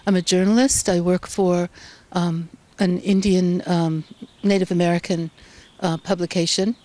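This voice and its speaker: A woman from Canada speaks as an interviewed journalist, her voice mellow and a little low. She answers in a measured, thoughtful way, pausing often to find her words. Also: level tone. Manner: measured, thoughtful, frequent ums.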